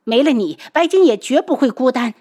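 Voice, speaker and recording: A woman doing a fiery, high-voiced young heroine. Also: animated, fairly quick, mellow. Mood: indignant.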